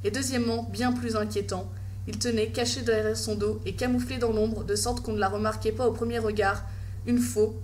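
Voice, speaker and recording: A woman's voice: on the high side, steady tone, brisk, darkish tone, slight background noise. A woman reading a scripted first-person horror story as its narrator.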